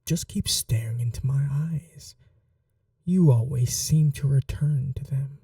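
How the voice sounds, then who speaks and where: Slow, coaxing and soft, a man plays an ageless vampire lover who is possessive, tender yet cruel, in an intimate ASMR roleplay, his breathy medium-pitched voice often turning to whispers. The mood is soothing and possessive. The sound is clean studio audio without echo, taken from a distant mic.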